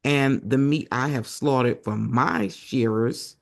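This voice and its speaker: A man reading the Bible aloud as a host, hoarse and losing his voice, breaking off for chatty asides to his viewers. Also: mid-range voice, steady tone, slow.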